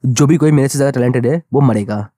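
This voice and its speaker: An arrogant, jealous musician villain, as a male narrator puts him on in a manga recap. He speaks with haughty contempt for anyone more talented than him. The tone is mellow and the sound close and dry. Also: medium pitch, fast talker, dry recording, lightly acted. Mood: scornful.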